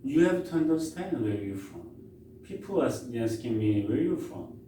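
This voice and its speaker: A man lecturing in English with a Korean accent, his mellow voice sounding distant in a very echoey room with faint background hiss. He tells stories in a loose, conversational way, often restarting his sentences. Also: mid-range voice, very animated. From South Korea. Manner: anecdotal, conversational, halting restarts. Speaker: professor. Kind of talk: university lecture. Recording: echoey room, far from mic, faint noise.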